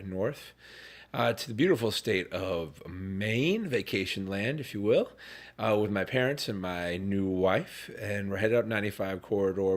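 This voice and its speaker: Sick man telling a story. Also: fairly low pitch. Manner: rambling, self-deprecating, halting. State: sick, congested. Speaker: vlogger. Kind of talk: casual storytelling to camera.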